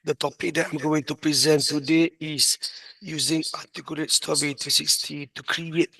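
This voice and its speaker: Male presenter, Malaysian accent. Raspy, swollen sore-throat sound, fairly bright tone, addressing a workshop. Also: on the high side, level tone, moderate pace, no room sound. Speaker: workshop presenter, library manager.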